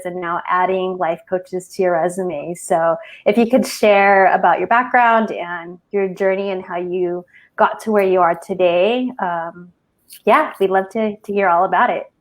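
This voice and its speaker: A woman hosting a podcast asks her guests questions in an ordinary mid-pitched voice. She sounds enthusiastic and often stumbles and restarts her sentences. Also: steady tone, a little slow, low-quality recording. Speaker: podcast host. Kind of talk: interview host questions.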